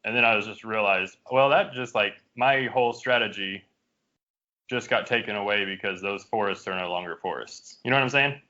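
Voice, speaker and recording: A man's voice: lowish voice, fairly quick. A man co-hosting a podcast, telling a story in a casual chat among friends. He swears constantly and is riled up, with lots of fillers. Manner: profane, animated storytelling with frequent fillers. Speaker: podcast co-host. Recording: dull lo-fi podcast audio.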